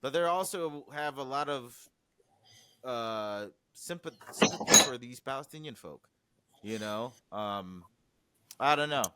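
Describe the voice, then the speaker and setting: A man's voice: mid-range voice, lively intonation, unhurried, noisy background. A man talking as a guest on a podcast in loose, profane conversation, with frequent restarts and acted-out quotes. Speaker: guest, music producer.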